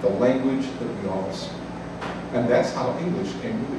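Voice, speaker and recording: A man in his sixties from Chicago's south side tells a story live in a cafe, adding folksy, humorous asides. His voice is medium-pitched at a moderate pace, picked up by a distant mic in an echoey room with heavy background chatter and ambience.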